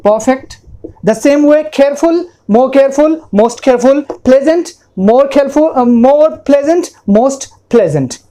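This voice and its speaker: Slow, mellow-voiced woman teaching grammar. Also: high-pitched. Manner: explains step by step with rhetorical questions and "ठीक है", "right?"; spells out and repeats word forms slowly. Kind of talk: classroom lesson explaining grammar.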